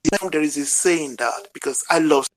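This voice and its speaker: A man's voice: fairly high pitch, brisk. A man telling a story in a live audio chat room, earnest and full of "you know", while his microphone crackles and drops in and out. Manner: earnest, repeats "you know", works toward a saying. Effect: mic cutting in and out, crackly dropouts. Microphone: phone or Bluetooth headphones over an audio chat app.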